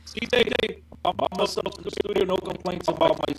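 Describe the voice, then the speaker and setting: A man's voice: high-pitched, fairly quick, husky. A man co-hosting a podcast in casual chat, his mic audio clipping and breaking up, with short repeated exclamations. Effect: clipping, breaking-up distorted mic audio. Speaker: podcast co-host. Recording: distant, noisy, clipping mic with clicks.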